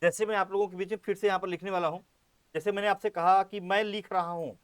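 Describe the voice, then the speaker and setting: A man teaches a classroom grammar lesson in a high, light voice. He repeats words slowly while he writes on the board. He jokes with his students and speaks to them directly. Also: fairly even intonation, clear, resonant tone. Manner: playful, addresses students directly.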